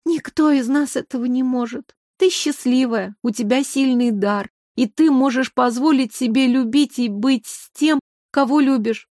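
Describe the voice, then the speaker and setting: Woman voicing a gentle young princess, soft-spoken, high voice, dry sound. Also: normal speed, no room sound, close to an everyday voice.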